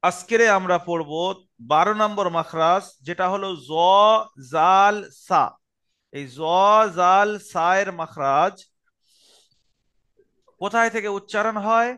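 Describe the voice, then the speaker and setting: A man teaching Arabic letter pronunciation in a group video-call lesson. He talks slowly and patiently, repeating each sound as a drill for his students. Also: high-pitched, pushed and bright, clear, resonant tone. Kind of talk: online Quran-reading lesson.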